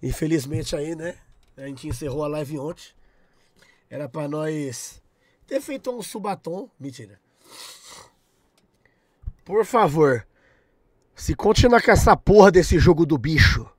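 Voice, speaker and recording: A young man with a Brazilian accent, chatting on a live stream, loud and profane, shouting thanks at his chat. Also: on the high side, a little slow, pauses often, dry recording. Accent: Brazilian Portuguese.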